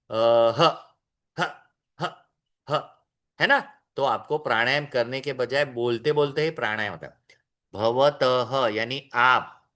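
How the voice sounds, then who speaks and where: A man teaching an online class, stretching out words slowly to show how they are pronounced and slipping in English phrases. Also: medium pitch, sharp tone. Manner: slow, drawn-out demonstration of pronunciation. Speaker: Sanskrit teacher.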